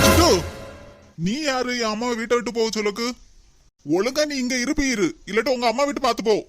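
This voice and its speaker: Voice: mid-range voice, fast talker, a bit bright, soft background music, lightly acted. A performer voicing a dutiful young husband and son in a cartoon, with a Kanyakumari Tamil accent, who pleads and soothes but can turn firm. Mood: stern. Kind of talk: cartoon voice acting.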